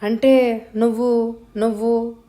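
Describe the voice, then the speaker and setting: A woman voicing a gentle, soft-spoken father who asks kindly in an audiobook story. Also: a little high, flat delivery, slow pace.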